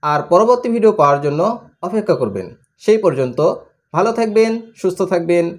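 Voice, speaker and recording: A man teaching Quran reading, slowly spelling out Arabic letters and vowel marks in a steady chant and drawing out the long vowels, with a Bangladeshi Bengali accent. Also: high-pitched.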